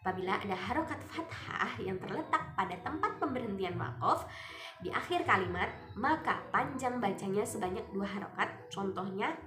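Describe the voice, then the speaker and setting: A woman, a student, explaining recitation rules step by step and drawing out the example words slowly. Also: medium pitch, expressive. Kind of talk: recited tajwid lesson with Quran examples. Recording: echoey room, faint music behind.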